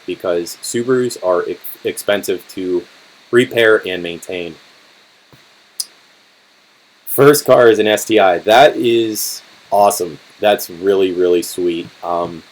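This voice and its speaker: A young man in his twenties hosting a casual live-stream Q&A, talking in a relaxed, rambling way with lots of ums and restarts, his voice going hoarse. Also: on the low side, low-quality recording. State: voice getting hoarse. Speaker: car channel host.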